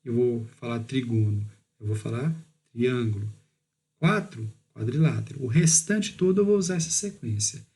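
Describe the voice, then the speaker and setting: A man with a Brazilian Portuguese accent, teaching a recorded math lesson and explaining step by step, drawing out key words slowly and checking in with "beleza?". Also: mid-range voice, mellow.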